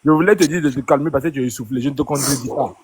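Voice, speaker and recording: A man moderating a live stream who speaks in a soothing way, agreeing again and again and urging calm. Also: mid-range voice, racing, over a noisy crowd. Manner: soothing, repetitive, keeps agreeing. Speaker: chat moderator. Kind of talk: casual live-stream chat.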